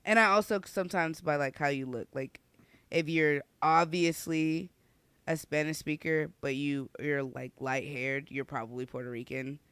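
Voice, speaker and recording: Smooth-voiced man chatting loosely. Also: on the high side, fairly even intonation, normal speed, a bit bright, dry recording. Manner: rambling, many "like" fillers, laughs a lot. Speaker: podcast co-host. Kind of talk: casual chat.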